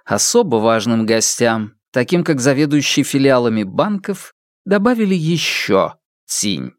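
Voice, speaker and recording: An audiobook narrator reads a novel with an animated, wide-ranging intonation. The recording is dry and close, with no room sound. The pitch sits in the middle. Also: unhurried, no room sound. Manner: lively, expressive reading. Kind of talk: scripted narration.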